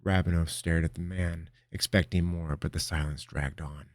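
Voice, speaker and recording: A man reading his own fantasy fiction aloud in a measured, expressive storytelling manner. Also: sits low, no echo, clean studio sound. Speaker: author and narrator.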